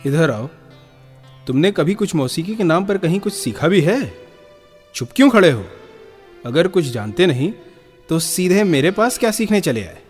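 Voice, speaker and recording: An actor playing a stern court musician and master in a radio drama, curt and demanding with a student. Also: male voice, on the high side, sing-song, moderate pace, pauses often, darkish tone, long reverb tail, soft background music.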